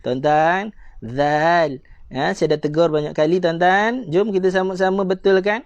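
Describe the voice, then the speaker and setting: High-voiced Malaysian Quran teacher. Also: male voice, fairly even intonation, no echo, highs cut off. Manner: addresses viewers as "tuan-tuan", drawn-out demonstrations of letter sounds. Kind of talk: live-streamed recitation lesson.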